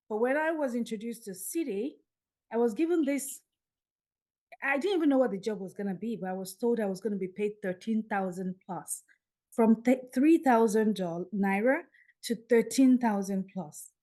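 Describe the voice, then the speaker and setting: A Nigerian woman in her fifties, a podcast guest telling her story in a lively way and acting out the dialogue. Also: fairly high pitch, normal speed.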